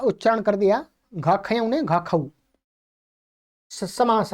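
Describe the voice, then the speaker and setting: A woman with a high voice teaches grammar in an online lecture. She explains each rule patiently and keeps checking that her listeners follow. When she recites a rule she slows right down.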